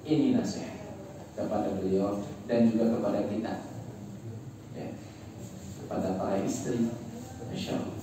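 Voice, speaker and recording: A man's voice: fairly low pitch, steady tone, moderate pace, long pauses. A male preacher giving a sermon, asking the congregation questions and teasing them. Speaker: Islamic preacher. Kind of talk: sermon with call-and-response. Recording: very echoey hall, distant mic, background noise.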